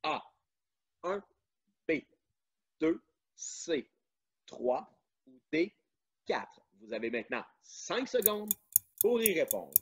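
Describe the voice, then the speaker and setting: A man's voice: on the high side, very animated, slow, long pauses, slightly rough. A man from Quebec, hosting a family quiz and reading out questions and answer choices. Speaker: quiz host. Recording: dull lo-fi sound.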